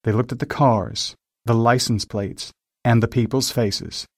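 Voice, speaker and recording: A man narrating a simple story in a slow, clear, scripted reading style. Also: medium pitch, fairly even intonation, no room sound, clean studio sound.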